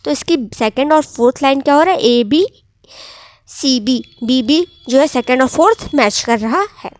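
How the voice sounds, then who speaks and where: A woman with a high voice gives an exam-prep literature lecture. She keeps asking questions and answering them herself, and slows right down for quoted verse. The sound is dry and close. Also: lively intonation, no echo. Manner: reads English verse slowly, then explains it. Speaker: literature teacher.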